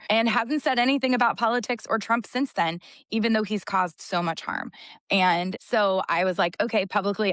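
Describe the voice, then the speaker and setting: An impassioned woman talking on a podcast, her voice sitting low and her long sentences tumbling into each other. The sound is dry and close, with no room around it. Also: a bit bright, no echo. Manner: impassioned, rapid run-on storytelling. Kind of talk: casual podcast conversation.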